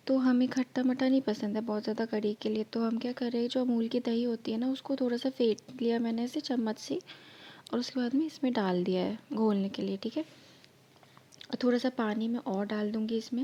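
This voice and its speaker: A woman's voice: a little high, warm tone, breathy edge, dull audio. A woman narrating her cooking vlog, explaining each step in a chatty way, her throat slightly sore. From India. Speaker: vlogger.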